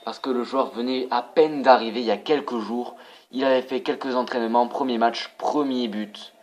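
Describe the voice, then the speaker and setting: A young man casually commentating his own football video game for viewers, excitable and prone to swearing. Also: medium pitch, moderate pace. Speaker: gaming channel host.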